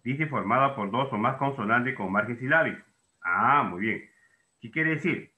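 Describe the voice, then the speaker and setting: A medium-pitched man with lively intonation and a pushed, bright tone speaks at normal speed in a roomy-sounding classroom lesson. Rather than waiting for students, he puts their doubts into words and then poses and answers the questions himself.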